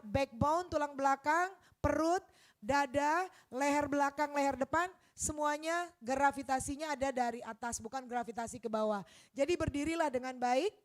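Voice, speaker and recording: High-voiced woman giving a lively speaking lecture. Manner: demonstrates voices, shifts loudness for emphasis. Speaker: guest lecturer on public speaking. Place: university auditorium. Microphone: handheld microphone.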